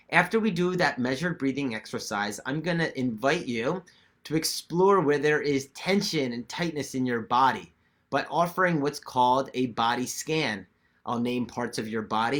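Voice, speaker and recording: A man giving guided meditation instruction to viewers in a gentle, reassuring and measured way. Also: medium pitch. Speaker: meditation teacher.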